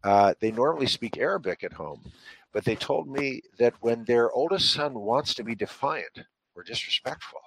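A man's voice: medium pitch, expressive, normal speed, vocal fry, husky, no echo, poor audio. A man who writes and speaks about parenting, answering interview questions in an earnest, instructive way with frequent fillers. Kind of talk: interview answers giving advice.

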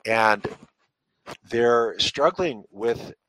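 A man's voice: medium pitch, animated, extremely slow, fairly bright tone, no room sound, poor audio. A man who writes and speaks about parenting, answering interview questions in an earnest, instructive way with frequent fillers. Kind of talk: interview answers giving advice.

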